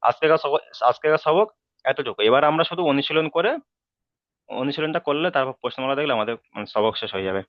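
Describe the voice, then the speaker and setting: A man teaching Quran reading in a step-by-step recitation lesson, patiently spelling out and repeating each syllable slowly for students. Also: mid-range voice, no room sound, dull audio.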